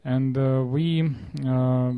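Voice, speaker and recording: A man from Russia with a Russian accent, explaining in an interview in halting non-fluent English, often searching for words. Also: mid-range voice, steady tone, smooth, dry recording, phone-quality sound.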